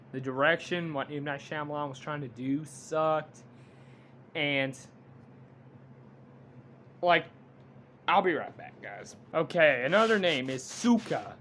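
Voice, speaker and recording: Guy ranting slow about films, kinda high voice, stops and restarts a lot, faint noise behind. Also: a bit bright. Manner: halting, restarts often, blunt and dismissive. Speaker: movie reviewer. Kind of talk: unscripted rant.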